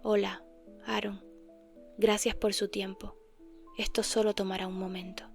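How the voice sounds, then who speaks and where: A woman voicing a mysterious phone caller who asks calm, polite survey questions in a hushed, half-whispered voice. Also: medium pitch, measured pace, creaky, faint music behind. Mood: eerily polite.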